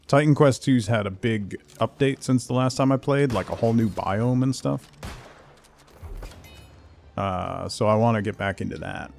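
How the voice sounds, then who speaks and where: Hosting a video game livestream, a man rambles conversationally with viewers, reading chat and game text out loud. His voice is medium-pitched, a little mellow, with vocal fry.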